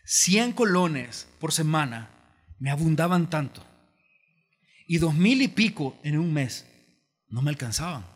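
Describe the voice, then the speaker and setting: A man's voice: a little high, very animated, unhurried, long pauses. A man preaching a sermon as pastor in a church auditorium, telling stories in a conversational way and acting out the voices he quotes. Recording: long hall reverb from church auditorium.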